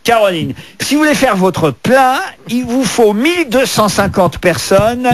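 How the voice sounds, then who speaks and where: A man's voice: high voice, very animated, a little slow. A man hosting a radio panel show, questioning a guest in a playful way. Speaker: radio host.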